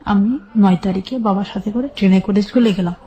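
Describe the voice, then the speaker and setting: A woman speaking with a Bangladeshi accent shares her life story as an interview guest, the audio sounding dull. Her dark, gently edged voice sits at a normal female pitch, and she goes through things step by step, halting, detailed, and often repeating a phrase.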